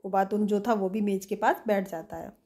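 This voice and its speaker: A woman teacher reading a story aloud for a class lesson, in an expressive storytelling manner. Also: medium pitch, moderate pace.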